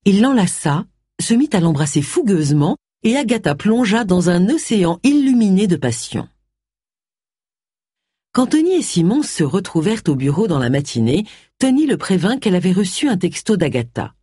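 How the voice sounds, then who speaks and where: An expressive audiobook narrator reading a mystery novel. The pitch moves freely through each sentence, with a slightly breathy tone. The sound is dry and close, with no room behind it. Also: normal speed, dry recording.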